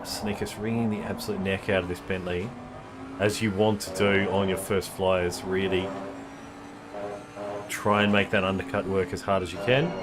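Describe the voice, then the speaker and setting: Give me a low-voiced man doing live race commentary, thinking aloud with lots of ums. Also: flat delivery, normal speed. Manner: thinking aloud, explaining tyre details with many ums. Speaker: sim racing commentator.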